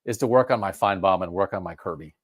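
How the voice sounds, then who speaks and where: A man co-hosting a casual sports talk show, animated and jumping up in pitch to stress points. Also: fast, dry recording, clean studio sound. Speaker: co-host.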